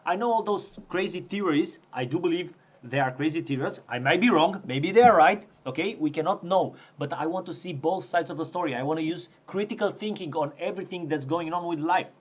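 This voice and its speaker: A man's voice: on the high side, fairly quick, husky. A man hosting a conversation, pushing back earnestly on his guest's claims. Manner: earnest, pushes back, some restarts. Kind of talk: conversational debate.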